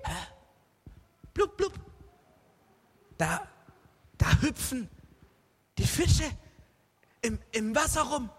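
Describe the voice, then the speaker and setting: A man telling a Bible story to a group in a lively, dramatic way, asking his listeners questions. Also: extremely high pitch, drawn-out words, pauses often, husky, long reverb tail.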